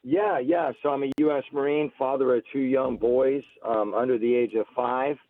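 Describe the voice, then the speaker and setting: A political candidate in his forties, born in Alabama and raised near Seattle, tells personal stories casually as a guest on a radio call-in. His mid-range voice is gravelly and flat, at a normal speed. The narrow-band line sounds dry, muffled, and lo-fi.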